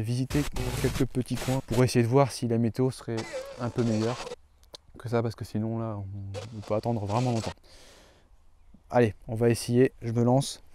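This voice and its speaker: A man talking to camera in a casual, enthusiastic astronomy travel vlog outdoors, with many fillers and restarts. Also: medium pitch. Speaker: astronomy vlogger. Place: outdoors in a hilly valley.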